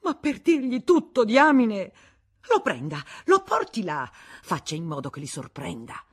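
A narrator voicing a bitter, scheming older spinster in a storybook reading, short of breath. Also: female voice, deep voice, animated, normal speed. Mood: urging. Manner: vehement, spiteful, breathless outbursts. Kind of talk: audiobook character voice.

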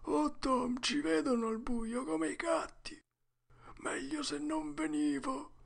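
A narrator putting on a scared young boy in whispered role-play, high above the reader's own voice and breathy, with a gravelly edge. He shivers through every hushed word, superstitious and sure the worst is near. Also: measured pace, full character voice. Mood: terrified.

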